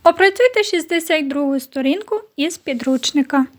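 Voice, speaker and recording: A woman from Ukraine teaching a recorded online lesson to young pupils. Her voice sits high and light, and she gives each instruction slowly and clearly. She keeps turning to the children with questions. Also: expressive. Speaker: primary school teacher.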